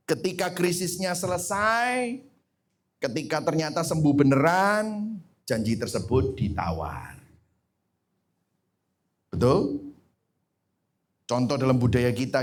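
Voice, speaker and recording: A male pastor preaching a sermon, acting out prayers in quoted voices. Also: on the high side.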